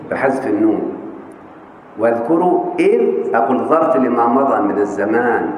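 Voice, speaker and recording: A man's voice: mid-range voice, a little mellow, a little hiss or hum. Egyptian man lecturing in echoey hall. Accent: Egyptian Arabic. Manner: questioning students, coaxing answers. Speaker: grammar lecturer. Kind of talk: classroom lecture. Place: large mosque hall. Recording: echoey hall with faint ambience.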